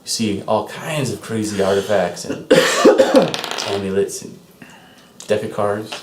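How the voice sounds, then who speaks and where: Male game master, lowish voice, casual tabletop narration, roomy sound with faint noise. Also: expressive, slow.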